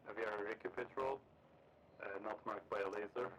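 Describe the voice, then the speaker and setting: A man's voice: on the low side, steady tone, brisk, creaky, a bit bright, slight background noise, poor audio. A man talking over a walkie-talkie radio as a forward air controller, in clipped radio procedure, reading out grid numbers.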